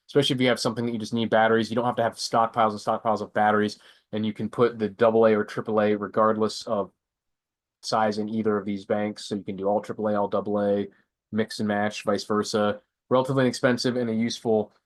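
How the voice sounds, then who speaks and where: A young man with a congested, lowish voice talks fast and flatly while hosting a prepper channel live stream. It's casual and rambling as he covers product picks, often going back to correct himself.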